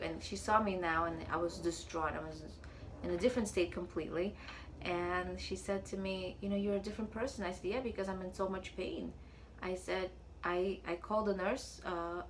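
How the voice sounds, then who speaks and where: A woman's voice: fairly low pitch, a little hiss or hum, low-quality recording. A woman in her thirties telling a personal story in an earnest, repetitive way, quoting others in her own voice. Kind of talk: personal story told to camera.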